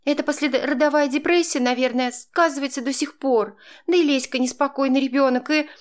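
A man voicing a nervous, quarrelsome young mother who pleads and shouts at her husband in an audiobook. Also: steady tone, a little fast. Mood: pleading. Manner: pleading, then shrill and shouting.

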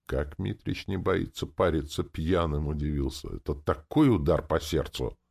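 A man giving calm first-person audiobook narration. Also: extremely low pitch, moderate pace, vocal fry, slightly rough.

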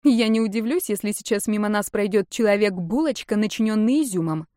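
An excitable young woman in a spoken story, teasing and direct, firing blunt questions, as a woman reader voices her. The voice sits a touch higher than the narration. The sound is close and dry. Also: fairly quick, no echo, close to an everyday voice.

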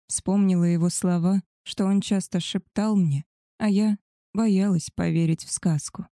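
A woman's voice: mid-range voice, fairly even intonation, a little slow, mellow, dry recording. A woman reading a novel aloud as first-person narration, close to the microphone. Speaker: audiobook narrator.

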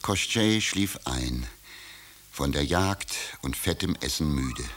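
Very deep male fairy-tale narrator. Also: lively intonation, slow, a bit bright.

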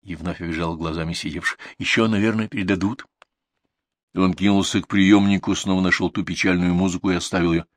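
A man narrating a short story in a measured audiobook reading. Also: low-pitched, level tone, dry recording, clean studio sound. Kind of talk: scripted narration.

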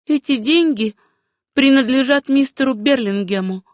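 Woman voicing a young widow, grieving and numb, gentle, insistent, higher voice, dry close sound, storybook reading. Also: normal speed, dry recording, lightly acted. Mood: pleading.

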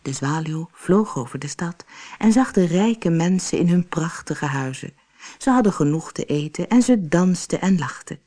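A woman reading a fairy tale aloud for an audiobook in a calm, clear storytelling manner. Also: fairly low pitch, moderate pace. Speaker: narrator. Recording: faint music behind the voice.

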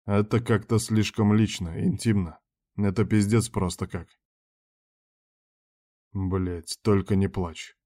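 A man narrating a first-person audiobook. His voice is low, with a dark and mellow tone. He reads in a measured, cold way and bites off his own lines curtly. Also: fairly even intonation.

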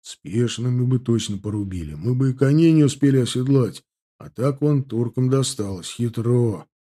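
A man voicing a rough dragoon soldier who shouts his replies. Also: mid-range voice, expressive, moderate pace, lightly acted. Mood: heated.

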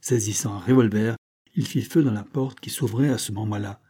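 A man's voice: on the low side, brisk, dark tone. A man narrating an adventure novel as an audiobook, with dramatic storytelling. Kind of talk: scripted narration.

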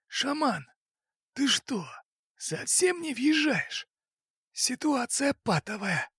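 A fat, bullying crime boss with a high, sharp voice that lurches loud and swings wildly in pitch, as a male narrator puts him on. He barks and mocks. The sound is dry and close, with a gravelly, husky edge. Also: big pitch swings, slow, no room sound, heavily acted. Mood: scornful. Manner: mocking, barking.

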